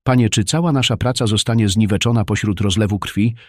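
A man's voice: fairly low pitch, brisk, no room sound, clean studio sound, close to an everyday voice. A man voicing a tired, wary male scribe on the road who speaks in short, guarded lines.

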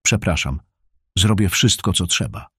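A man's voice: sits low, a little slow, bright, forceful tone, slightly rough, dry recording, studio quality, heavily acted. A man reading an audiobook, voicing a young woman who pleads against an arranged marriage. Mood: resigned. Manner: pleading, resigned.

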